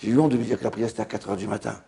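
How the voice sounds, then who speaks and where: A middle-aged rabbi giving a sermon, telling a lively story and acting out the dialogue. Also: male voice, lowish voice, very fast, gravelly.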